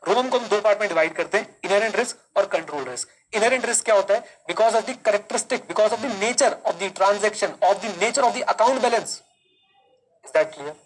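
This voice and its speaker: Slow, deliberate male teacher. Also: sits high, rough recording. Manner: slow, deliberate, repeats key lines and quizzes students; mixes Hindi and English, calls students kids. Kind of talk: live online exam-prep class.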